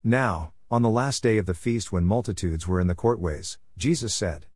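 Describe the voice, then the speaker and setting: A man narrating a religious text as an audiobook, in a measured, even reading. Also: on the low side, husky, no room sound, clean studio sound.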